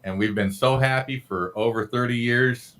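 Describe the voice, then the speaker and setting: A middle-aged man co-hosting a casual live stream, his voice bright and forceful. He talks loudly by habit and jokes about himself as he chats. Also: medium pitch, normal speed. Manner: loud, joking, self-deprecating. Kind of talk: casual chat.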